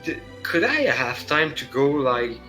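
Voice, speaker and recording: A man's voice: mid-range voice, big pitch swings, a little slow, pushed and bright, faint music behind. A man chatting casually as a player in a tabletop role-playing game, describing what his character does.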